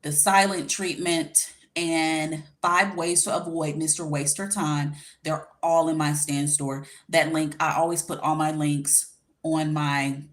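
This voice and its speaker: Lowish voiced woman in her 40s, life coach chatting on a livestream, bit of a lisp from her retainer, real informal. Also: level tone, slow. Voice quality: slight lisp from wearing a retainer. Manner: informal, colloquial, direct address to viewers. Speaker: life coach and YouTube host. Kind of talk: casual livestream chat giving dating advice.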